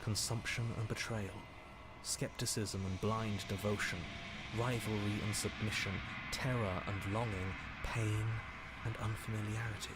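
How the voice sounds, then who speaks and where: A man as a low, solemn game narrator. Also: steady tone, a little slow, heavy background noise, close to an everyday voice. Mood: solemn, ominous. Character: solemn, ominous storybook narrator, stern and exasperated. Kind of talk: scripted second-person game narration. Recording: loud game music behind the voice.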